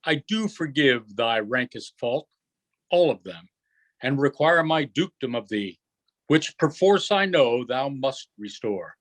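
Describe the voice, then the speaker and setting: In an unrehearsed Shakespeare play, a man reads the role of a duke and magician who is commanding and forgiving yet stern, using a measured, declamatory delivery. His voice is mid-range with lively intonation.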